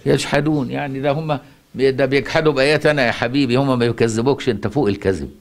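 A man with an Egyptian Arabic accent leads a Quran recitation class. He keeps asking his student rhetorical questions and answers them himself. He hammers a point home by repeating key words, at a mid-range pitch. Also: steady tone, rapid-fire. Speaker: Quran teacher.

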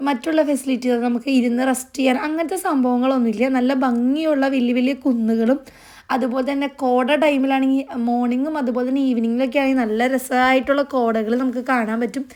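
A woman's voice: high-pitched, a little mellow. A woman narrating a casual travel vlog in a chatty way, speaking straight to viewers. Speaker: travel vlogger.

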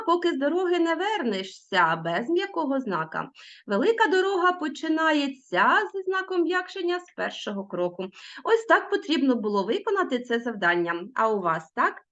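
A middle-aged woman teaching a recorded language lesson, drawing out example words slowly and stressing them. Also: high voice. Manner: lively, drawn-out word stressing. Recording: dull lo-fi sound.

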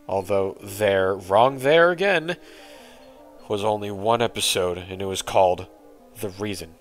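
Low-voiced guy reading a creepy story, kinda flat and sarcastic, faint music under it. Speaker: creepypasta narrator. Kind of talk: horror story narration. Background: faint background music.

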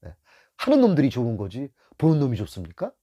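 A man's voice: mid-range voice, fast talker, slightly rough, dull audio. A middle-aged man who drives a taxi gives beginners blunt, casual advice, acting out scenes from the road and repeating his key points. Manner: animated, acts out scenes from the road. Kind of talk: casual spoken lesson.

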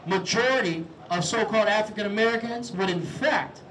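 A man preaching on the street to passersby, talking outdoors, repeating "all right?" and "man" and rising to shouted exhortation. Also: high voice, a little fast, a little hiss or hum, low-quality recording.

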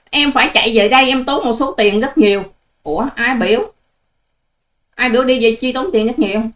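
An older woman hosts her own channel, delivering a combative vlog rant in which she scolds and mocks her viewers sarcastically. Her voice sits on the high side with a fairly bright tone.

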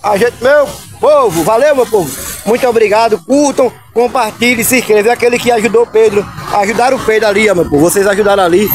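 High-voiced chatty man with a Pernambuco accent. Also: fast talker. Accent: Pernambuco, northeastern Brazilian. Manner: chatty, keeps calling viewers "my people" and "gang". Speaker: vlogger and channel host. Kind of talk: casual vlog chat to viewers. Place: outdoors in a town by a canal. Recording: street noise with music behind.

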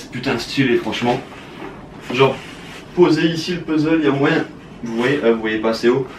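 A young man with a French accent talks his viewers through an unboxing, chatty and easily excited. His pitch sits mid-range. A faint hiss of background noise lies under the voice. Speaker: YouTuber. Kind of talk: casual unboxing commentary.

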